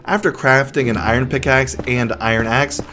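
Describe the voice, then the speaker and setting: A man casually narrating and commenting on his own gameplay, often dropping to a hushed, whispery voice while sneaking. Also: mid-range voice, steady tone, moderate pace. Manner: chatty, drops to a hushed whisper when sneaking. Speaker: gaming YouTuber. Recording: faint music underneath.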